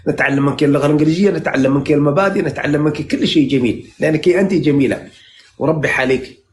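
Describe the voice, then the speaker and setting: A man in his sixties from central Saudi Arabia with a Najdi accent, interpreting dreams in a rambling, flattering live chat full of fillers and restarts. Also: fairly high pitch, rapid-fire, a little hiss or hum. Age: 60s. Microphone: phone on a live stream.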